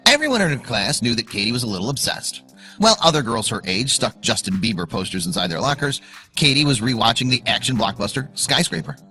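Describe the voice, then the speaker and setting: A man with a medium-pitched, sharp voice narrates a scripted dramatic story, full of suspense and emphasis. Background music plays beneath his voice.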